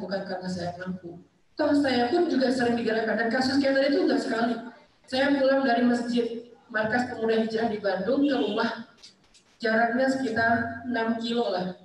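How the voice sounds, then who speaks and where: A man preaching a sermon, telling stories in a lively, conversational way. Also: sits high. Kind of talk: storytelling sermon. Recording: echoey, distant mic, faint noise.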